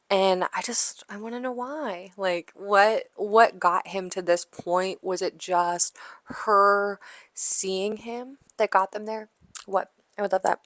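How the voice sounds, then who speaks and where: A woman's voice: lowish voice, a bit bright, no echo. A woman giving a casual book review on her vlog, gushing and enthusiastic. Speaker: book vlogger.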